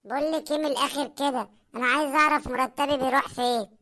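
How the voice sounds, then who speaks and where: A woman's voice: sits high, steady tone, fast, sharp tone. A woman playing Hamo, a whiny broke Egyptian husband. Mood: grumbling. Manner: whining, complaining, pleading. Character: hard-up Egyptian husband, grumbling and hungry. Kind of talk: cartoon comedy voice acting.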